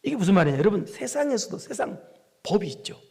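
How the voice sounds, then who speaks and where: A man preaching in a church, his voice husky and gravelly. His pitch sits high and leaps about widely as he quizzes the congregation. Between his questions he reads scripture aloud. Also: fast talker, big-room sound. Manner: animated preaching, often asking the congregation questions; reads scripture aloud after calling out "start". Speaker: pastor. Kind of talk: sermon.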